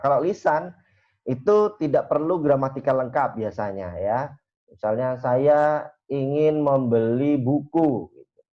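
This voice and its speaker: A man giving a university lecture in a casual, conversational way, full of fillers. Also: mid-range voice. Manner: conversational, uses many fillers. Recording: dull lo-fi recording.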